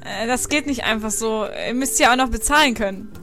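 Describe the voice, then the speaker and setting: A woman's voice: on the high side, a little fast, bright, forceful tone, soft background music. A woman playing a poised, flirtatious exotic animal seller in a comedic audio drama.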